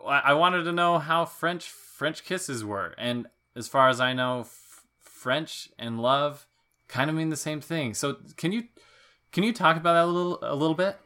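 A man's voice: fairly high pitch, normal speed, pushed and bright. A man co-hosting a podcast, joking around and asking long, rambling questions. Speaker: podcast co-host. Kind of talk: casual podcast chat.

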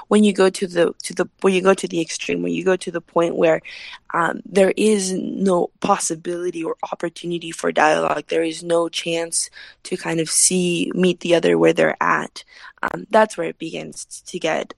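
A woman's voice: on the low side, gravelly, dry recording. A young woman from Peru, a podcast guest, speaking thoughtfully and often repeating words as she searches for them. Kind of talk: casual interview talk.

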